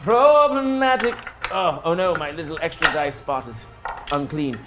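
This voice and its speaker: A woman's voice: sits low, moderate pace, music in the background. A woman running a tabletop game as game master, improvising narration in a playful, theatrical way.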